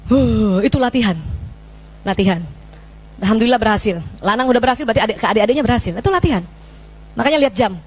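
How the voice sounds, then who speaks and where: Seorang perempuan paruh baya memberi ceramah parenting Islami kepada para ibu, bercerita dan memerankan percakapan dengan anaknya secara hidup. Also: female voice, on the high side, quick pace, long pauses, slightly rough. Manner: animated, acts out scenes with her child, addresses audience as Bu. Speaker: parenting speaker. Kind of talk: lively Islamic parenting talk to mothers.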